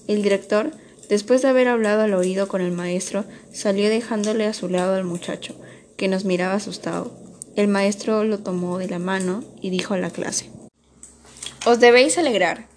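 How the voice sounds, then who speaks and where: A woman narrating an audiobook story in a steady, measured storytelling manner. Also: mid-range voice, slight background noise.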